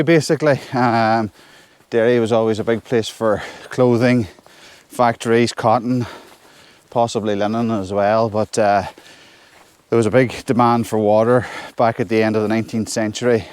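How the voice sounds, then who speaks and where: A man's voice: lowish voice, darkish tone, clear, resonant tone, no echo. Northern Irish man talking while trudging through snow. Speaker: solo hiker vlogging. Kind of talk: casual walking vlog. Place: outdoors on a snowy hill forest track.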